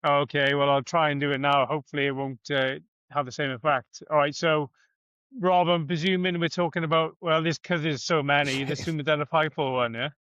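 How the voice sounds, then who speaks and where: A man's voice: a little high, fairly even intonation, fairly quick, fairly bright tone, clear, resonant tone, dry recording. A man telling a story as a podcast guest over a bad call connection that keeps dropping, rambling casually and swearing freely. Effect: bad connection, signal dropping on a call. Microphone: remote call. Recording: dull lo-fi call line, dry.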